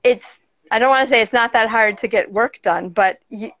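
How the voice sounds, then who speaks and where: A woman in her forties with a Minnesota accent, a guest chatting casually on a video call from a sailboat, bubbly and quick to laugh. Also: a little high, fairly bright tone, no echo. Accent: Minnesota American. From Minnesota, USA. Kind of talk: casual interview chat. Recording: dry, dull video call audio.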